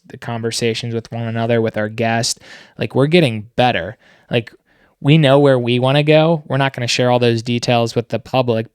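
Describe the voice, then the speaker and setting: A man's voice: mid-range voice, clean tone, dry recording, studio quality. A man co-hosting a casual business podcast, speaking in an earnest, motivational way. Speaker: podcast co-host.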